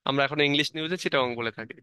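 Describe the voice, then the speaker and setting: Male teacher, Bangladeshi Bengali accent, slightly high, bright voice; reads English slowly, explains casually. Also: clear, resonant tone, dry recording. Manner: reads English lines slowly, then explains them conversationally; frequent fillers and self-corrections.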